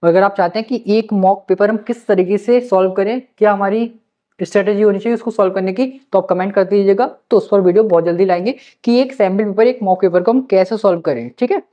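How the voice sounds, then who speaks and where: Brisk and warm, this high-voiced male teacher coaxes his students while advising them on study planning, repeating the key points. The audio is a slightly muffled lo-fi recording.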